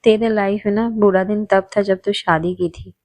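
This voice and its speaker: A woman's voice: mid-range voice, fairly even intonation, moderate pace, darkish tone, dry recording, natural voice. A woman storyteller voicing a breezy, teasing young woman friend who talks casually and playfully. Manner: casual, playful, mixes English slang.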